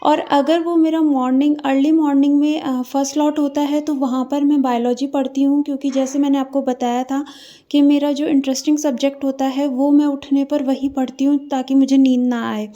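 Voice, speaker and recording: High-pitched young woman vlogging, chatty. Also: flat delivery, brisk, warm tone, lo-fi sound. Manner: chatty, addresses viewers as friends, frequent hesitations. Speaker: vlogger studying for an exam while raising a child. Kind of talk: casual talk to viewers.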